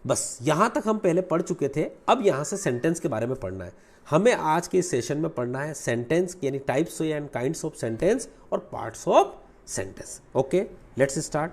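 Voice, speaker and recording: Male grammar teacher, slightly high, animated voice, explains in Hindi with English terms. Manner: explains in Hindi, mixing English terms, repeats key words slowly; lively teacherly delivery, asks and answers own questions.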